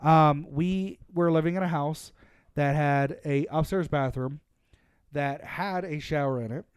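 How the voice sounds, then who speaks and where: A man's voice: a little high, measured pace, smooth, no room sound, clean studio sound. A man co-hosting a casual chat show, reading a story aloud and joking between lines. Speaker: podcast host reading stories.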